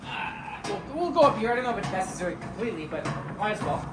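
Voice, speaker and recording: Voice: mid-range voice, big pitch swings, fast talker, over loud music. A person giving a casual, unscripted walk-through tour of their business, talking informally and rambling as they think aloud. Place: large echoey rental warehouse and shop. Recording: echoey warehouse, distant mic, clearly noisy background.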